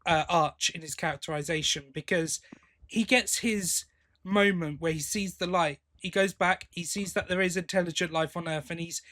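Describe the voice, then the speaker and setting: Reviewing an audio drama in casual podcast chat, this co-host shares his views enthusiastically, often restarting his sentences. His voice is a little high, pushed and bright, with fairly even intonation at a moderate pace.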